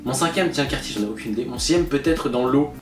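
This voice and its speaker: A man's voice: medium pitch, quick pace, distant mic, background noise. A young man joking around with friends as they work through riddles, often tripping over his words. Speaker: co-host. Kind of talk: casual chat solving riddles. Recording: echoey room, a bit off-mic, music behind.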